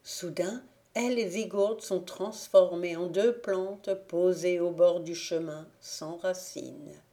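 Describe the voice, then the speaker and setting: A woman reading a fairy tale aloud for an audiobook, telling it slowly and evenly. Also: on the low side. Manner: slow, even storytelling. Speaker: audiobook reader.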